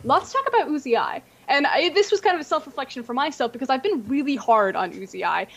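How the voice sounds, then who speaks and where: A woman with a fairly high voice hosts a casual podcast panel. She talks in a chatty, conversational way, building up arguments and posing questions as she goes. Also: lively intonation, fast. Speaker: podcast host.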